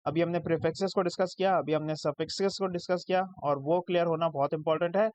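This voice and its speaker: A man's voice: on the high side, fairly even intonation, fast, a little mellow, dry recording. A young man with a Pakistani Urdu accent, teaching a recorded English lesson over slides. He explains step by step and checks "ठीक है?" after each point. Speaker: English tutor. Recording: dry, dull lo-fi sound.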